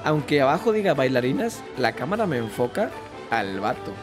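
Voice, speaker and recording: A man's voice: medium pitch, very animated, moderate pace, over music. A man with a Mexican accent, chatting casually and joking while he plays and comments on a game. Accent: Mexican Spanish. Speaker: gaming YouTuber.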